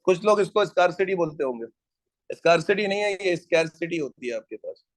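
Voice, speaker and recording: A man's voice: high voice, expressive, fast, dry recording. A man teaching an economics class in a casual, joking way, drilling his students on pronunciation.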